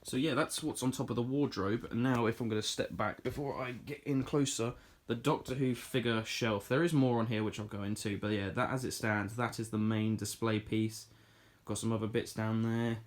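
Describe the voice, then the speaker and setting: A British man in his twenties giving an off-the-cuff room tour in casual, enthusiastic, informal vlog chat. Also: fairly low pitch. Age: 20s. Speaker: collector hosting a room tour.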